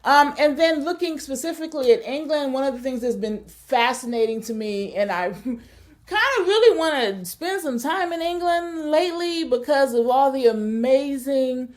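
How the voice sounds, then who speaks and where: A woman with a high-sitting, darkish voice gives a thoughtful research talk as an academic speaker, at a moderate pace. She searches for words, uses many fillers, and often corrects herself.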